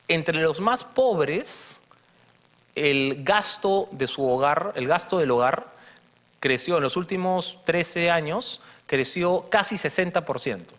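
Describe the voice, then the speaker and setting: A man walks an audience through slides, explaining patiently and peppering his points with fillers and tag questions. His voice sits a little high and carries the long reverb of a large conference hall. The broadcast sound is somewhat dull and muffled. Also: fairly bright tone. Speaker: economist presenting at a conference.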